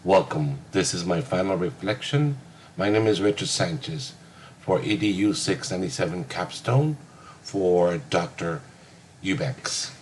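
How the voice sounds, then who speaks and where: A man's voice: deep voice, lively intonation, unhurried, slight background noise. A man in his fifties from Hawaii, giving a recorded class reflection with many hesitant filler sounds. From United States (Hawaii). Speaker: graduate student.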